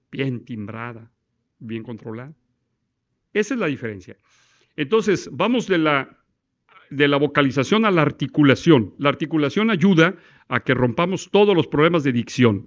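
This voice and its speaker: A man's voice: on the high side, lo-fi sound. A man teaching a class on breathing and diction, demonstrating exercises and quizzing his students. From Mexico. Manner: demonstrative, asks the class questions, recites verse in one breath. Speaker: law course instructor. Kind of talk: classroom lecture on voice technique.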